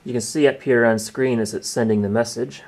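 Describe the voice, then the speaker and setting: A man's voice: mid-range voice, fairly even intonation, fairly quick, darkish tone. A man presenting a casual hands-on demonstration, explaining each step as he goes. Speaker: exercise participant and presenter. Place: small indoor radio desk. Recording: faint room noise.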